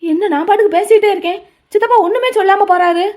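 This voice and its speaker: Woman doing a high-voiced young college lad, frantic, pleading, cartoon dub. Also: very fast. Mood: agitated. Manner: loud, pleading, rambling. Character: excitable young male college student.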